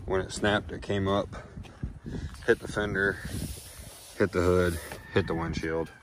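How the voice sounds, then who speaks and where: Low voiced guy touring his farm truck on his phone, lots of uh's, noisy outside audio. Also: fairly even intonation, a little slow. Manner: rambling, listing items with many "uh"s. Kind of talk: casual walkaround tour. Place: outdoors by a pickup truck, phone camera in hand. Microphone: handheld phone camera.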